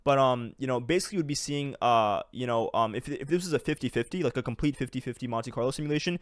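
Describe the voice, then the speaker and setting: A young man explaining trading math over a screen share, casual and excitable, full of fillers, restarts and "right?" and "okay?" tags. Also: medium pitch, fast, dry recording. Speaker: trading educator.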